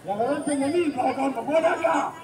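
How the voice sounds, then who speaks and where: A man's voice: extremely high pitch, a little fast. A man with an Argentine accent working a street crowd as a playful kids' party entertainer, coaxing, joking and projecting his patter. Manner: projecting to a crowd, countdown calls. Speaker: street circus performer. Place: large outdoor city plaza at night. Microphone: distant audience phone camera. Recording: distant phone recording, noisy city square, crowd. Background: crowd and street traffic noise.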